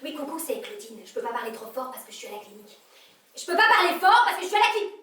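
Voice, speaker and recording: Actress as a high-voiced, gushing young secretary with a crush, echoey stage heard from far off. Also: female voice, animated. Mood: giddy. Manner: giddy, gushing, quick to laugh. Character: bubbly young female temp secretary, secret journalist. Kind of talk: live stage comedy acting.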